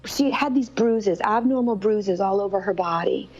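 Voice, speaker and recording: A woman's voice: medium pitch, normal speed, a little mellow, soft background music. A woman telling a personal story of faith in an earnest, conversational way. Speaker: mother telling her daughter's illness story. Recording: slightly dull, lo-fi sound.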